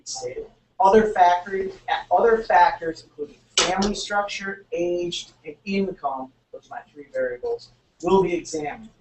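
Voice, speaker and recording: A man with a high voice teaches a sociology class at a moderate pace, explaining step by step and repeating key words. The lecture is recorded in an echoey room with the mic far off and faint noise.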